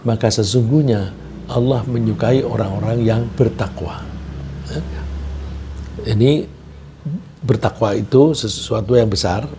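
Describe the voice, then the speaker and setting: A man giving a calm, measured religious sermon, often using "ya" and "nah" as he explains. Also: mid-range voice, gravelly, slight background noise. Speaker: preacher.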